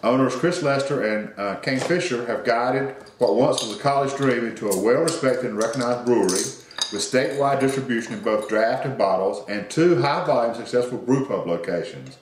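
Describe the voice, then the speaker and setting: A man's voice: mid-range voice, normal speed, reverberant, noisy background. A man co-hosting a casual beer review chat, reading notes with fillers and restarts. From North Carolina. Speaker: beer review podcast co-host.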